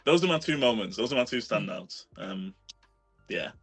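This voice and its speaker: A man with a London accent chatting as a guest, his pitch swinging widely as he talks. He speaks animatedly, full of slang, and laughs often between points. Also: lively intonation, normal speed, a bit bright, slightly rough, soft background music. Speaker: guest battle rapper. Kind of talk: casual chat.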